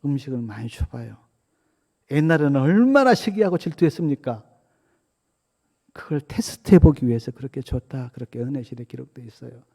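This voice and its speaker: A man's voice: mid-range voice, animated, a little fast, gravelly, warm tone. A male pastor giving a storytelling sermon, retelling scripture with acted-out quotes. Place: church sanctuary. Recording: long church hall reverb.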